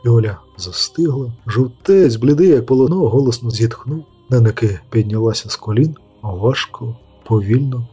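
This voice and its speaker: A man narrating a fantasy audiobook in a steady storytelling manner, lightly voicing the characters. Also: mid-range voice, moderate pace, few pauses, slightly rough, soft background music. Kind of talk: scripted narration.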